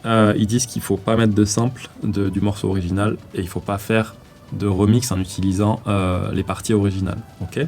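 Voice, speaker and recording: A man with a French accent giving a casual, slangy music-marketing tutorial, often pausing with fillers while walking through an upload. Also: lowish voice, little pitch movement, darkish tone. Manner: slangy, hesitant with many fillers while clicking. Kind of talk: casual screen-recorded tutorial.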